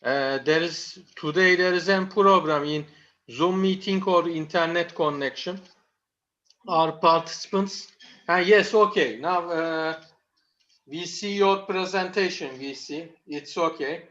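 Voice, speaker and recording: A man in his forties with a Turkish accent moderates an online session. His voice is on the high side and he speaks slowly and haltingly, over dull video-call audio. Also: pushed and bright. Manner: halting, hesitant. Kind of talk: unscripted online conference moderation. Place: small plain room, indoors, on a video call.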